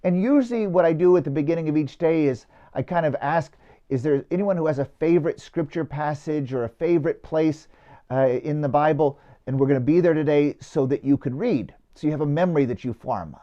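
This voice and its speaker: Priest telling a story in a homily. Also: male voice, on the high side, a little fast, highs cut off. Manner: conversational, with filler "uh" and restarts.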